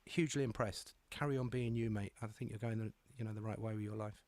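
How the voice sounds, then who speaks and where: A man's voice: lowish voice, fairly even intonation, fast talker, darkish tone, no room sound. A man hosting a live chat show, friendly and matey, with lots of agreeing murmurs. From England. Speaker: host.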